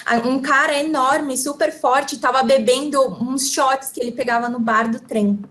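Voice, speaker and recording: A woman's voice: high-pitched, steady tone, fairly bright tone. A woman with a Brazilian Portuguese accent interpreting a speaker phrase by phrase. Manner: quick, relaying phrase by phrase. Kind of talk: consecutive interpreting.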